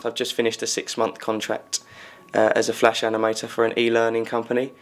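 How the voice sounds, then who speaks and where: Young animator guy, super monotone, just steady talk in an interview. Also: medium pitch, fairly quick. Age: 20s. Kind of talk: interview answers.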